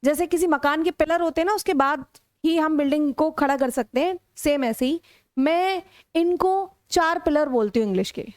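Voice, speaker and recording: An Indian woman teaching a spoken English lesson, explaining step by step and acting out sample sentences with lively intonation. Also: high-pitched, moderate pace, no room sound, studio quality. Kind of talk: classroom lesson in Hindi with English examples.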